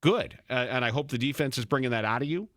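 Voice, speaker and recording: A man's voice: medium pitch, very fast, a bit bright, no echo, studio quality. A man co-hosting a sports podcast in casual chat, joking and repeating words as he talks. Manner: chatty, tells jokes, stumbles and repeats words.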